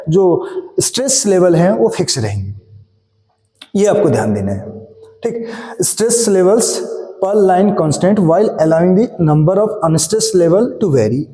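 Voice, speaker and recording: Male English-literature tutor, high voice, mellow tone, reverberant room; repetitive teacher talk. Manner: explains and repeats key points, asks and answers his own questions; mixes English terms into Hindi. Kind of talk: exam-prep lecture. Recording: echoey room with long reverb.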